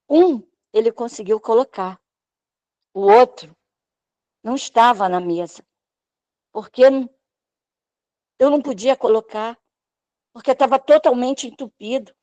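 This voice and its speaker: A woman's voice: a little high, mellow, no room sound, lo-fi sound. A woman, giving a personal healing testimony at a church service and acting out what the doctors said. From Brazil. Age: 60s. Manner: emotional storytelling, acting out the doctors' lines.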